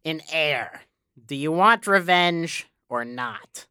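A woman's voice: low voice, animated, pushed and bright, clean tone, no room sound, clean studio sound, voice pushed down, full character voice. A woman doing a sly, scheming little man. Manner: wheedling, slow and persuasive.

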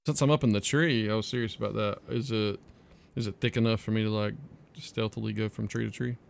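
Low, very creaky man playing tabletop games. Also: steady tone, brisk. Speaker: tabletop game player. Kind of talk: casual chat during a tabletop game.

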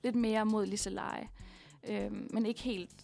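A woman's voice: mid-range voice, fairly even intonation, vocal fry, darkish tone, faint music behind. A young woman in her twenties co-hosting a podcast, asking questions in a friendly, hesitant way. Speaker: podcast co-host. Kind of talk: casual interview chat.

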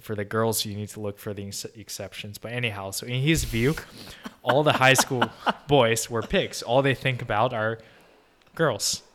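A young Chinese man, speaking Chinese as his first language, appears as a podcast guest in a casual interview. His mid-range voice is steady and fairly bright, moving at a normal speed. He comes across as thoughtful, restarting often and filling gaps with fillers.

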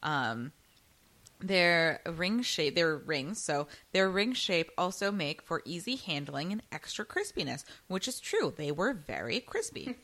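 A woman's voice: lowish voice, very animated, unhurried, a bit bright. A young woman co-hosting a casual snack-tasting chat, laughing often and reading from a booklet. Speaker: co-host reviewing snacks.

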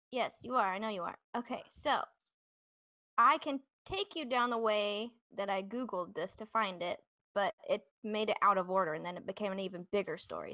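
A woman's voice: mid-range voice, sharp tone, no room sound. A woman in her twenties, co-hosting a true crime podcast, chatting casually with lots of fillers and some swearing. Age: 20s. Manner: chatty, filler-heavy, swearing, self-deprecating. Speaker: podcast co-host telling a true crime story. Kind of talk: casual podcast chat and storytelling.

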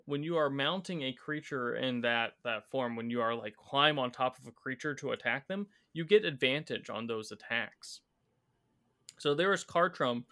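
A man's voice: mid-range voice, sharp tone. A man acting as game master, casually recapping a tabletop game and explaining its rules in detail.

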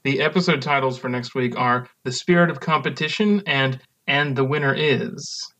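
A man's voice: mid-range voice, moderate pace, sharp tone, poor audio. A man co-hosting a casual podcast, joking dryly and chuckling often. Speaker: podcast co-host.

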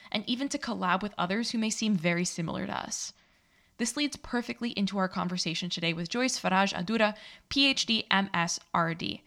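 A woman's voice: mid-range voice, a bit bright. A woman hosting a podcast, reading a prepared intro and then chatting casually with a guest, laughing often. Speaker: podcast host.

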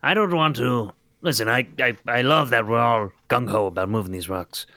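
A man's voice: medium pitch, normal speed, sharp tone, no echo, studio quality. A man playing a tabletop role-playing game, talking in a hesitant way with many fillers. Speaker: player. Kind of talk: tabletop role-play chat.

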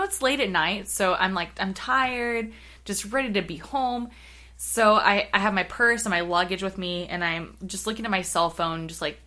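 Female podcast guest: bright, animated storyteller who uses many fillers. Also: on the low side. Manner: animated storyteller, filler-heavy, laughs often. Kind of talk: casual chat.

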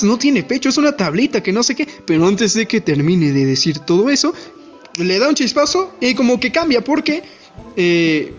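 A man co-hosting a podcast, recapping an anime episode in animated, rambling casual chat. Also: high voice. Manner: animated, rambling, self-deprecating. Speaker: podcast co-host. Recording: slightly dull podcast audio with faint music.

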